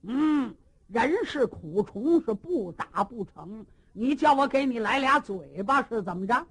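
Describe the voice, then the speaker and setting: A woman voicing a rough, bullying male warrior who shouts and threatens during an interrogation. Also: on the high side, animated, measured pace, exaggerated voice.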